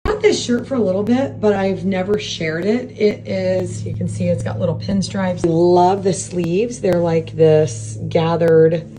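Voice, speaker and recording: A woman's voice: lowish voice, steady tone, a little slow, few pauses, over music, rough recording. A woman blogger chatting casually about her clothes, describing fabric and fit. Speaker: fashion and home blogger. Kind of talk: casual clothing try-on narration.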